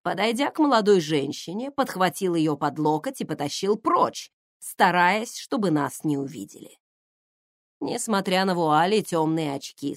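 A woman reading a first-person novel aloud in a measured, expressive storytelling manner. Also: lowish voice, gravelly, no echo, clean studio sound. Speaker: audiobook narrator.

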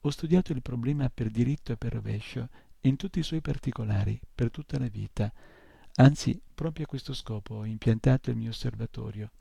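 Pompous old gnome professor, lecturing and boastful, dark and gravelly, as a male reader puts him on. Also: mid-range voice, fairly quick, no room sound. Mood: self-important. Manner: self-important and lecturing.

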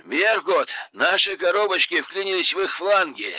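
A male narrator puts on a young soldier reporting over an old field telephone, his voice pitched high above his own and cutting sharply through the line. He speaks in crisp, dutiful military phrases. The sound is dry and close, with no room around it. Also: very animated, normal speed, pushed and bright, no room sound, exaggerated voice. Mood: hoarse brisk.

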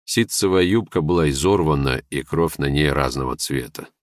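A man narrating literary prose in a measured, expressive reading. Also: rumbling low, no room sound, clean studio sound. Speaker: audiobook narrator.

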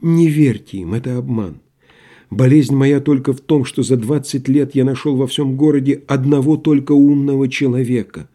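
A man voicing an agitated middle-aged male provincial doctor who rants in a strained voice and later sinks into hushed despair. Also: steady tone, normal speed, lightly acted. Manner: shouting in a cracking high voice, then hushed and despairing.

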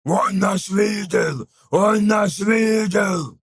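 A man voicing a brutish, bossy male ork mechanic in an audiobook, with a rough, raspy voice and loud bursts of shouting. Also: high-pitched, full character voice. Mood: shouting orders. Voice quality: gravelly, raspy. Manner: barking, shouting in slow drawn-out bursts.

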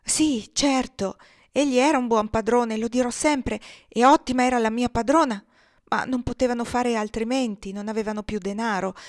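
A woman's voice: fairly high pitch, no room sound, studio quality, pitched above the performer's own voice, lightly acted. Storybook figure: frightened, devoted young mother, read by a woman, earnest and pleading. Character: young runaway slave mother, desperate and devoted.

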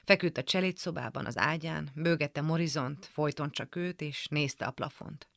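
A woman reading a literary memoir aloud for radio in a calm, measured storytelling manner. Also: deep voice, gravelly, no room sound, studio quality. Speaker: radio reader. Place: radio studio.

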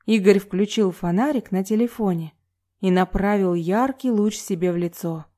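A woman reading a novel aloud in an even, measured storytelling manner. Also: mid-range voice. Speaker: audiobook narrator.

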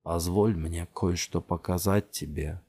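A man voicing a menacing young man with a knife in an audiobook, speaking slow and deliberate. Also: sits low, warm tone, breathy edge, heavily acted. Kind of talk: audiobook character voice.

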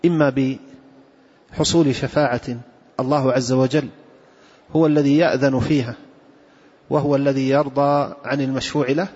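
A man teaching a religious lesson as a sheikh, explaining slowly and carefully, with a husky voice. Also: medium pitch, darkish tone. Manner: measured, drawn-out scholarly explanation. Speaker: sheikh teaching Islamic creed. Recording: dull lo-fi recording in a reverberant hall.

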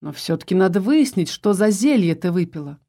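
A woman reading the part of a teasing, protective young husband in an audiobook, with a mellow voice that stays close to her own. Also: lowish voice, expressive, brisk. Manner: teasing, persistent questioning.

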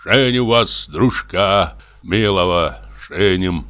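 A man's voice: deep voice, takes it slowly, fairly bright tone. A man reading a hearty, fussy elderly male postmaster who speaks in a familiar, wheedling way. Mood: jovial.

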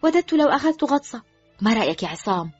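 A woman voicing a reckless, sharp-tongued teenage girl with a shrill, mocking voice, in an audiobook. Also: sing-song, rapid-fire, slightly rough. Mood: defiant. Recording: dull lo-fi with faint music.

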